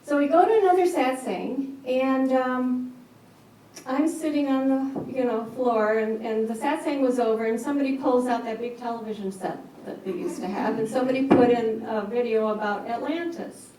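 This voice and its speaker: A woman giving a personal storytelling talk at a retreat, animated and acting out what others said. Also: fairly high pitch, moderate pace. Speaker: speaker at a yoga retreat. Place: large echoey retreat hall. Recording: echoey hall from far off, faint hiss.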